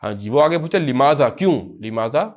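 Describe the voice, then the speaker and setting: Man, Pakistani accent, language teacher, classroom lecture, slow drilled words, quick asides, repeats phrases, middle pitch. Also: lively intonation. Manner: repeats phrases and checks understanding. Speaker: Arabic teacher.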